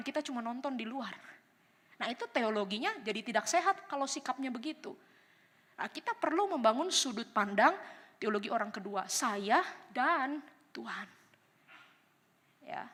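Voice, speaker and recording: A woman teaching a theology class to a congregation, animated and full of rhetorical questions. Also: sits high. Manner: animated, rhetorical questions, acts out quoted inner voices. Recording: long hall reverb.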